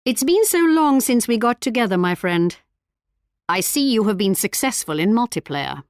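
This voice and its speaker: A woman's voice: on the high side, sing-song, normal speed, darkish tone, no room sound, clean studio sound. A woman playing a haughty, sly English queen in a video game, with a regal, arch and mock-polite manner. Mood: courteous. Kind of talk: video game character voice lines.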